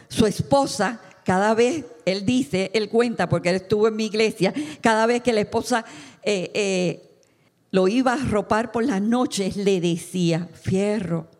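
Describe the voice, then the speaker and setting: A man, preaching a sermon as pastor and telling a story with fervent, dramatic delivery. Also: sits high.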